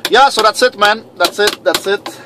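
Speaking at normal speed in a high-pitched voice, a man in his thirties from Canada, foreign-accented and not a native English speaker, vlogs at night from inside his truck cab. He's rambling, profane and self-mocking, and background noise is audible.

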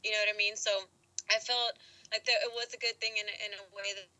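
Young actress guest, very bright voice, talks loosely with restarts and laughter. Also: female voice, medium pitch, little pitch movement, a little fast, poor audio. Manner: rambling, laughs often, many restarts. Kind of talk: casual interview answers.

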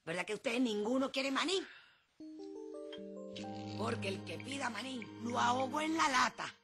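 An actress playing an exasperated, sarcastic wife in a telenovela. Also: female voice, on the high side, animated, normal speed, music in the background. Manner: sarcastic, sharp-tongued. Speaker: soap opera character. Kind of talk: telenovela comedy acting.

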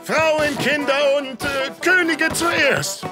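A man voicing an eager, stubborn fairy king and father in a cartoon, with a blustering, excitable manner. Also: very high-pitched, slow, loud music behind the voice. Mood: sheepish, flustered. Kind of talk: German cartoon dub acting.

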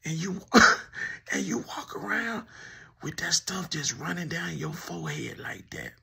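A man's voice: fairly high pitch, sing-song, a little slow, vocal fry, sharp tone, husky. A man hosting a commentary video, teasing and mocking the person he talks to and laughing often. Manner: teasing, laughs often, addresses the subject directly. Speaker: commentary host. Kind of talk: mocking commentary speaking to the camera.

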